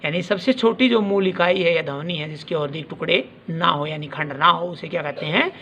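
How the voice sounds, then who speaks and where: A man teaching a grammar lesson, dictating definitions slowly and repeating questions to the class. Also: a little high, sharp tone.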